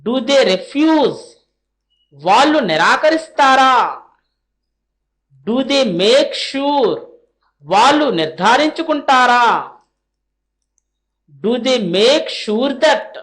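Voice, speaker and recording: A woman teaching spoken English, reading short question drills slowly and with deliberate spacing, each followed by a translation. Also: high voice, lively intonation.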